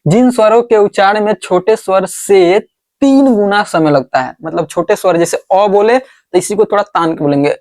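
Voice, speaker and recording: A man teaching a board lesson, asking the class questions and answering them himself, and repeating words slowly as he writes. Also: high voice, darkish tone.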